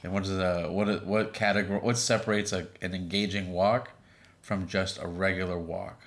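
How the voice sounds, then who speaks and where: Deep-voiced man, easygoing podcast co-host. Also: normal speed. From Boston, Massachusetts. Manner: relaxed, with frequent fillers. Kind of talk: casual chat.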